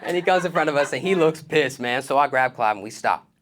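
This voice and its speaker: A man's voice: mid-range voice, lively intonation, fast talker, a crowd in the background. A young man doing stand-up on stage, telling stories in casual slang and acting out the dialogue. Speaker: stand-up comedian. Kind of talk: stand-up comedy storytelling on stage. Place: on stage before an audience.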